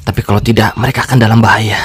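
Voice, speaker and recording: A man's voice: on the low side, flat delivery, very fast, lightly acted. A man playing a boastful, self-important professor with a secret identity, speaking dramatically. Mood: torn, self-important.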